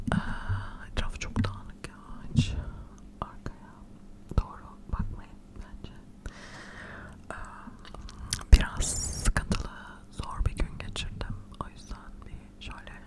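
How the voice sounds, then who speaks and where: A middle-aged woman whispering quietly in casual, rambling, self-deprecating ASMR chat, close to the microphone. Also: rough recording. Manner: quiet, hushed late-night whispering. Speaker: ASMR video creator. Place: furnished living room at home, indoors. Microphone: furry-covered microphone close to the mouth.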